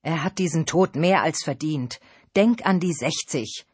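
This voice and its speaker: Reader voicing a laconic veteran knight, steady and calm, dry close sound. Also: mid-range voice, a little slow, slightly rough, dry recording. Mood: reassuring. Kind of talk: audiobook reading.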